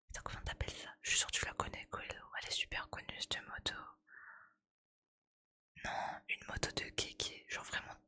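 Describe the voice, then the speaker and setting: A woman whispers breathily to her stream viewers in a casual, playful ASMR chat, using slangy, colloquial speech. Her voice comes across as pushed and bright.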